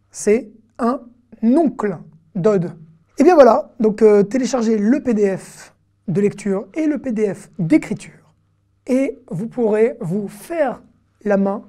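A woman gives an online language lesson in a mellow, warm voice. She says each word two or three times and explains it step by step. Her tone stays patient throughout. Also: a little high. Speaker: Hebrew teacher.

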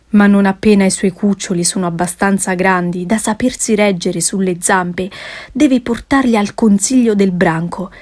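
A woman narrating an audiobook of a classic adventure tale, reading in a measured, expressive way. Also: mid-range voice.

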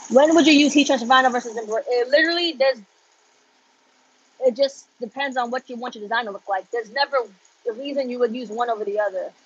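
A young woman, a native Spanish speaker who vlogs about her embroidery business, chats casually on a livestream from her indoor studio, mixing English and Spanish. Her voice sits on the high side and is fast and slightly rough. Picked up through wireless earbuds, the recording sounds muffled.

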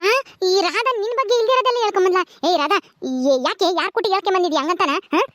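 A woman acting a sharp-tongued village mother-in-law who scolds and nags. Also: extremely high pitch, expressive, fast, no room sound, studio quality. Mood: scolding. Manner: scolding, nagging, ends lines with "ha?".

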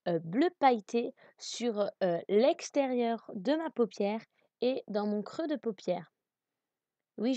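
A woman's voice: on the high side, dark tone, no room sound, lo-fi sound. A woman narrating a makeup tutorial in a casual voice-over, chatty with many hesitations.

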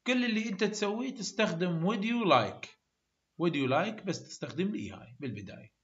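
Teaching an English exam lesson, a man with an Iraqi Arabic accent asks questions and then answers them himself. His high, animated voice is fairly bright and brisk, though the audio sounds dull.

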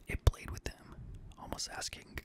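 Whispering breathily into a close boom-arm mic in a small home studio, a young man narrates horror stories ASMR-style as their host and reader. He keeps his soft delivery at a moderate pace.

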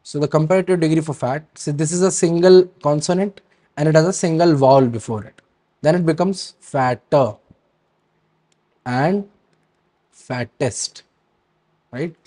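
A male teacher with a voice pitched a little high explains grammar rules to students. He keeps checking in with a quick "right?" and reads through word lists in a steady rhythm that drops at the end of each set. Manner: checks in with a frequent "right?" and stops to hesitate.

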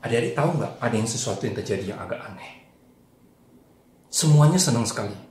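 A man teaching Sunday school, telling a story to children in a lively way and asking them questions. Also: mid-range voice, fast. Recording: roomy echo, faint noise.

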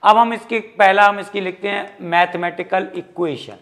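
Guy teaching physics, fairly high voice, jokey, throws in english words. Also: normal speed. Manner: lively, jokey, mixes English terms into Hindi. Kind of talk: classroom lecture.

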